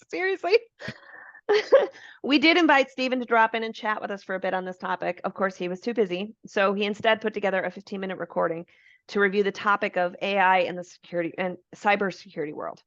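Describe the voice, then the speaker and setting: A woman co-hosting a business webinar, walking through software features step by step in a friendly, informal way over a video call. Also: mid-range voice, steady tone, fast talker, no echo, highs cut off. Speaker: webinar co-presenter.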